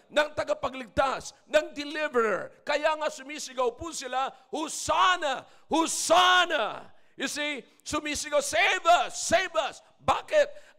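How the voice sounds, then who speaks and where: Filipino male pastor, very high voice, bilingual sermon, shouts for emphasis. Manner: mixes English into Tagalog preaching, builds to shouts.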